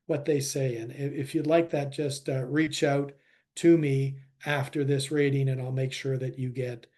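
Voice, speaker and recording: A man's voice: medium pitch, little pitch movement, normal speed, warm tone. A man giving a webinar presentation, talking with many fillers and restarts.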